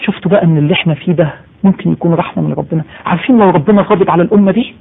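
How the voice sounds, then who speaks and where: A man preaching a sermon in Egyptian Arabic, swinging from low solemn lines to high, crying pleas to his listeners. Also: rapid-fire, vocal fry, husky, narrow, tinny audio. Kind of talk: impassioned televised sermon.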